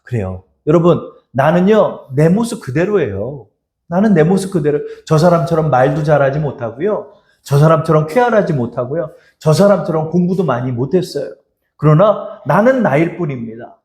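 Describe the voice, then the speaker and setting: A male pastor preaching in an echoey church sanctuary. His fairly high voice swoops up and down with lively emphasis as he exhorts his congregation and speaks to them directly. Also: moderate pace. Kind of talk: sermon.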